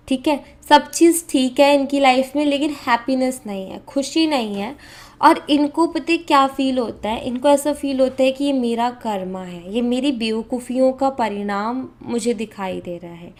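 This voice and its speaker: A woman from India giving a casual, conversational tarot reading to viewers, often mixing in English words and pausing on fillers. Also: sits high. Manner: conversational, mixes English into Hindi, frequent fillers. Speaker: tarot reader.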